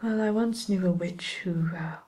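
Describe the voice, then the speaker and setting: A woman voicing a vain, sly witch tutor in a whispered ASMR roleplay, genteel and gently condescending to a pupil, with a soft, breathy, hesitant delivery. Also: lowish voice, lightly acted. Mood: sly, advising. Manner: unhurried, hesitant, politely condescending, addresses listener as pupil.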